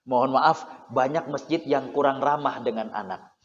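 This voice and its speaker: A man's voice: medium pitch, moderate pace, a little hiss or hum. A man from Indonesia giving a chatty, humorous religious lecture, tagging his lines with "ya" and acting out parents and children. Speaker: Islamic preacher. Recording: muffled recording with long hall reverb.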